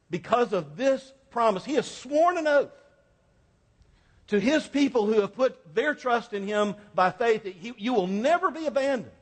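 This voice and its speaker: A man delivering a sermon to a congregation in a colloquial, conversational way, repeating phrases for emphasis. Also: sits high. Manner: emphatic repetition for effect. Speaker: preacher. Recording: echoing hall, long reverb.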